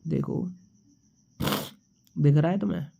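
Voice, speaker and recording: A young man's gravelly, rather high voice moves at a slow pace as he patiently teaches shorthand, repeating each symbol as he writes it, in a casual tutorial. He has a slight cold. The recording is dull and lo-fi.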